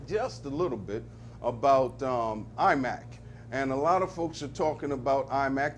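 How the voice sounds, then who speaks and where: A man delivering preacher-style commentary on local affairs, with an emphatic call-and-response cadence that surges to loud peaks. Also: medium pitch, a little hiss or hum.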